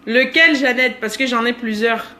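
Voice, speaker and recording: A woman's voice: on the high side, moderate pace, pushed and bright. A woman in her thirties with a Cameroonian accent, chatting casually on a live stream, greeting viewers by name and teasing them. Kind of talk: casual live-stream chat reading comments.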